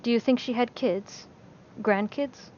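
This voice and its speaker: A woman's voice: a little high, unhurried, a little mellow, a little hiss or hum, close to an everyday voice. A woman voicing a flustered young male magician who stammers. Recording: slightly dull lo-fi recording.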